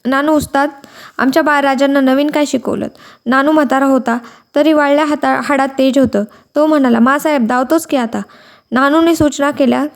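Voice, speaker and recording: A woman reading a historical novel aloud, voicing the dialogue with light inflection. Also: high voice. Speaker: novel reader.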